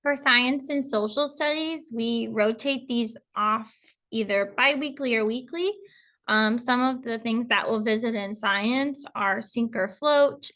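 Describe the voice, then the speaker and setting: Her voice is on the high side with a sharp tone. Presenting a school info video, this kindergarten teacher introduces her colleagues and explains the curriculum to parents, reading down lists punctuated by frequent ums.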